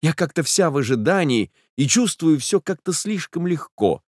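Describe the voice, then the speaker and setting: Excitable young woman done by a male reader, quick eager exclamations, close dry storybook reading. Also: on the high side, no room sound, voice pushed up. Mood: excited. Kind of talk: audiobook character voice.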